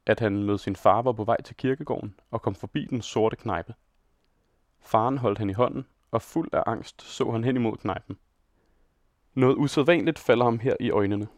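Dry, measured male radio reader. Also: mid-range voice, dry recording. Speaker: radio feature presenter and reader. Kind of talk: scripted literary radio reading.

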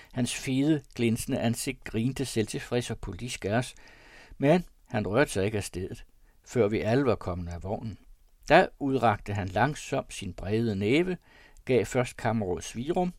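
A man narrating classic prose in a measured, expressive storytelling manner. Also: mid-range voice, no room sound, clean studio sound. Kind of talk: scripted reading of classic prose.

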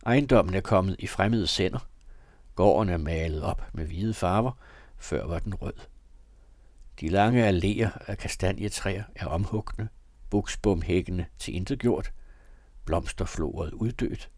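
A man with a lowish voice reads a classic novel aloud. His telling is measured and dramatic. The recording is close and dry. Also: a little mellow, no echo. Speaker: audiobook reader. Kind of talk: dramatic literary reading.

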